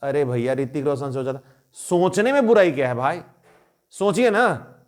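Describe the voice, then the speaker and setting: A man's voice: on the high side, expressive, normal speed. A man teaching a spoken English lesson in a chatty, coaxing way, often calling to his viewers as friends. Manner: chatty, repeats a friendly term of address.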